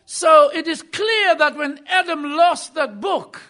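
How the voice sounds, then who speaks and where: This man is a visiting preacher giving a sermon, and English is not his first language. His voice rings very high and bright, and he speaks slowly, punching his points with sudden loud bursts and then dropping to quiet asides.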